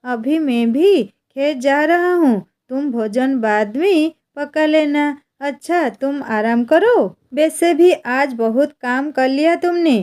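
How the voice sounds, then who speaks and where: A woman's voice: high-pitched, takes it slowly, hardly any pauses, darkish tone. A woman voicing a simple, fretful village husband who fusses over his wife and repeats himself when alarmed. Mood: coaxing.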